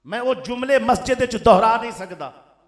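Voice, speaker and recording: A Pakistani cleric with a Punjabi accent preaching in a mosque, firing rhetorical questions at the crowd and swinging between loud and soft. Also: male voice, very high-pitched, normal speed. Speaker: Islamic cleric. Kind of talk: fiery sermon. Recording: echoey mosque sound system.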